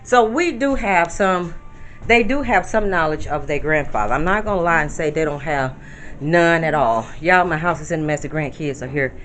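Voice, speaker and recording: Bright-voiced grandmother in her fifties. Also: sits low, normal speed. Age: 50s. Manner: chatty, rambling, addresses viewers directly. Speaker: grandmother vlogger. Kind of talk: casual talk to camera. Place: at home, in her bedroom.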